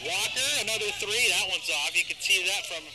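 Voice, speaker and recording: Man, forties, basketball play-by-play, quick excited calls, high voice, loud arena noise. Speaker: play-by-play commentator.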